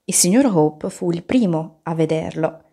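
A woman with an Italian accent reading a children's picture book aloud in an expressive, lively way. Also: fairly low pitch, measured pace, slightly rough.

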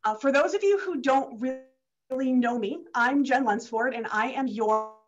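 A young woman with a fairly high voice hosts a town hall on a video call, talking in a loose, chatty way full of fillers and restarts. She sounds slightly out of breath. The audio is dull and lo-fi, as from a laptop call in an office. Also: a little slow. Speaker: state legislator hosting a virtual town hall. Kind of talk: casual opening remarks on a video call. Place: district office.

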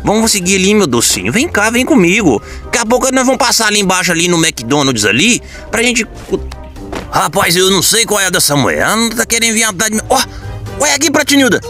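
A man giving excitable, exaggerated comedic commentary while playing a game, full of folksy slang. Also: high voice, quick pace, faint music behind. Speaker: gaming comedy creator.

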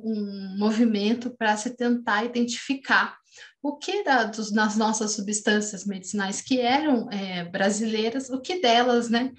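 A Brazilian postdoctoral researcher lectures online from a room at home, recorded through her video call webcam. Her voice is fairly high and fairly bright, and her Brazilian Portuguese–accented delivery is hesitant, full of restarts and fillers.

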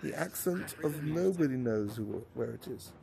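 A man's voice: mid-range voice, lively intonation, moderate pace, gravelly, crowd noise. A man joking and teasing casually in a social VR chat, slipping into put-on accents.

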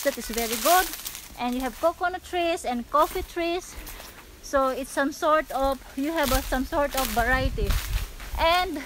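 Filipino woman vlogger, 40s, high voice, chatty outdoor walk-and-talk on phone mic, faint noise behind. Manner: chatty, fillers like "so" and "guys". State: sweaty from walking. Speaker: real estate vlogger. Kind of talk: casual walking tour vlog. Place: outdoors on rural lanes and overgrown land. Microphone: phone camera at arm's length.

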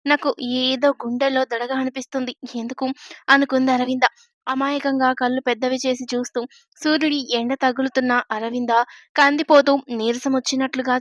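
A woman storyteller reads a serialized story aloud. Her reading is steady, with emphatic lift on exclamations. Her voice sits high and the recording is dry and close. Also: dry recording. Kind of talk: storybook narration.

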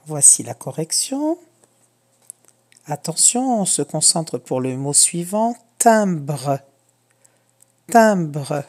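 A woman teacher leads a reading lesson for young children, speaking in a rather low voice. She talks slowly and clearly. She encourages the child as she goes. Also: big pitch swings. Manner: slow, clear, encouraging instructions addressed to a child. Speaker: primary school teacher.

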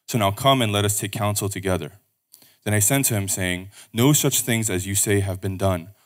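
A man reading scripture aloud at a pulpit microphone in a church service, steady and measured. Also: on the low side.

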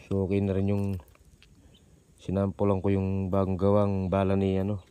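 A young man filming himself while spear-fishing outdoors, talking to his viewers in short, excited bursts. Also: low-pitched, moderate pace, smooth. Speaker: fishing vlogger. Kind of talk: casual commentary while hunting fish. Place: outdoors in a thicket of bamboo by a pond. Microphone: action camera worn on the body. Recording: faint outdoor noise with insects.

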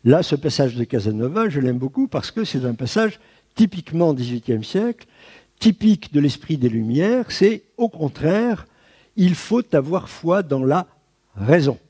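Male lecturer, animated, swooping delivery, slightly raspy, talks an audience through ideas with asides. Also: fairly high pitch, unhurried. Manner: explanatory with frequent asides. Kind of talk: public science lecture. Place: lecture at an astronomy festival.

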